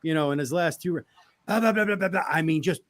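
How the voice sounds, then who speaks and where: Blunt American man, slightly high voice. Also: fast. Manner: blunt, animated, swearing. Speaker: participant in arm wrestling live chat. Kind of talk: casual chat.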